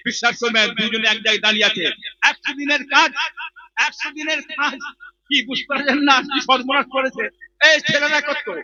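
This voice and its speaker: A man with a West Bengal Bengali accent preaches to a rally with a very high, piercing voice, rousing the crowd with constant questions. His voice is hoarse from shouting. The recording is muffled and lo-fi. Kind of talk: political speech at a religious gathering.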